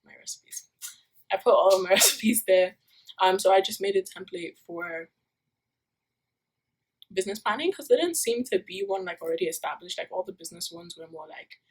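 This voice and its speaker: A young Nigerian university student rambles through a casual vlog, her mid-range voice carrying a breathy edge. She's full of fillers and self-corrections, and the low-quality audio comes from a phone taped to her bedroom wall.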